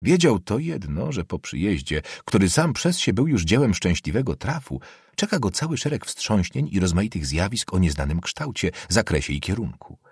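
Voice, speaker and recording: Husky, expressive male audiobook narrator. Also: low-pitched, normal speed, no room sound, clean studio sound. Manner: expressive storytelling reading. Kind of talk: scripted narration.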